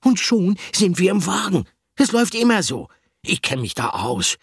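A husky-voiced man voicing an eager, clever male mouse in an audiobook reading. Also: no echo, studio quality, exaggerated voice. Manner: excited, quick, high-pitched exclamations.

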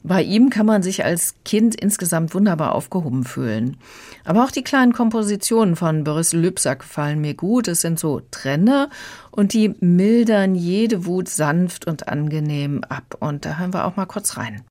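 A woman critic calmly explaining a children's audiobook in a radio conversation. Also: on the low side, moderate pace. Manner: calm, explanatory. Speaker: book critic.

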